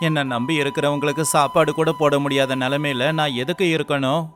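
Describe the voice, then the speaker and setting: A man's voice: a little high, steady tone, fairly quick, a bit bright, faint music behind, close to an everyday voice. A man playing a poor, earnest fisherman. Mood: despairing. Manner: earnest and emotional. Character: poor young fisherman, despairing but kind.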